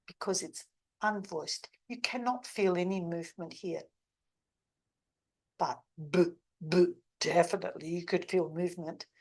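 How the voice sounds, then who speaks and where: A woman with an Australian accent teaching pronunciation, modeling single sounds and words in slow, exaggerated speech. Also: on the low side, fairly bright tone, husky. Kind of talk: English pronunciation lesson.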